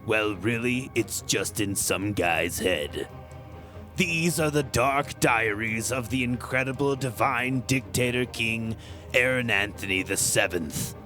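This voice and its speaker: A man playing an ominous horror host, giving a theatrical scripted introduction to dark tales. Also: mid-range voice, lively intonation, slow pace, soft background music. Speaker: show announcer.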